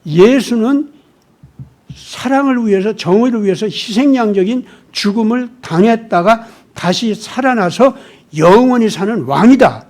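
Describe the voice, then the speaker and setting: A man's voice: sits high, animated, a little slow, a little mellow. A male pastor delivering a sermon in an emphatic, storytelling manner, often acting out dialogue. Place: church.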